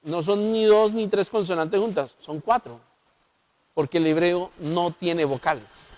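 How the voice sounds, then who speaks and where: A man's voice: high voice, unhurried, a little mellow. A man with a Colombian accent, a pastor explaining the Bible on local television, who often puts rhetorical questions to his listeners. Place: local TV studio.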